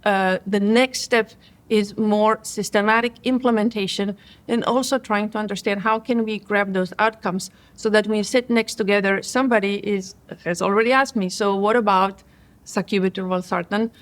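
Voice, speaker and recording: A reflective woman from Croatia, a cardiologist, appears as a guest in a conference interview. She speaks thoughtfully at a moderate pace, with a medium, steady voice and many restarts and fillers.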